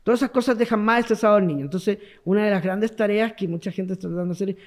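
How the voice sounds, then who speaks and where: A man's voice: sits high, very fast. A man with a Chilean accent, the guest expert in a broadcast interview, explaining emphatically and repeating key words. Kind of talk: radio and TV interview.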